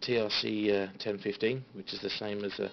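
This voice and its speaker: A low, gravelly British voice at normal speed and with fairly even intonation belongs to a CB radio hobbyist touring his equipment. It's a casual, informal show-and-tell in a small radio room at home, recorded on a handheld phone that sounds dull, with faint noise.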